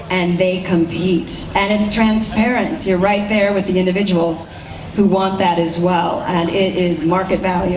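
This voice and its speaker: A woman co-hosting a public event, speaking in an emphatic, deliberate announcing style. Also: medium pitch. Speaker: event co-host. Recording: roomy PA sound, distant, faint noise.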